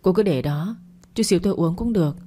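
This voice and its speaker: A scheming, self-pitying middle-aged mother, as a woman narrator voices her, complaining and pleading in an audiobook story. The voice stays lowish and mellow, close to the reader's own. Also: animated, fast.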